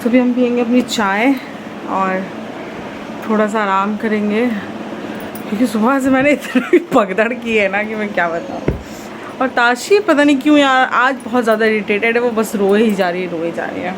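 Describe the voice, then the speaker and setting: A woman's voice: a little high, moderate pace. Young woman chatting to her viewers in a vlog, noisy home recording with hum behind. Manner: chatty, asks viewers questions. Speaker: vlogger. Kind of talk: casual vlog chat.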